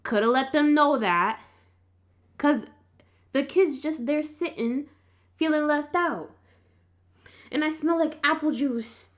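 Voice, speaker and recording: A woman's voice: sits high, slow, long pauses. Insistent woman in casual debate. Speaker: vlog host. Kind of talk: casual argumentative chat.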